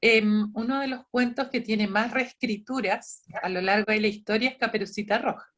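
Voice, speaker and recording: A woman's voice: a little high, fairly even intonation, moderate pace, fairly bright tone. A woman, a librarian running an online training session for volunteer storytellers, explaining in a chatty way with many restarts and quoted dialogue.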